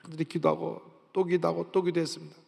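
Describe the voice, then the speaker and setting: Sixtyish pastor man giving his testimony in a sermon, gets loud then soft, long church echo. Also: on the high side, flat delivery, fast talker, creaky, breathy edge. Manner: storytelling with sudden swings in loudness. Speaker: senior pastor. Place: large church sanctuary. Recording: long reverb of a large church hall.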